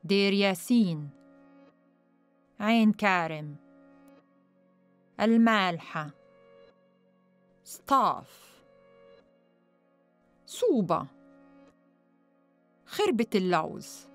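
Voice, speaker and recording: A woman slowly reciting a list of place names in a chanting way. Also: medium pitch, very animated. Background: faint music.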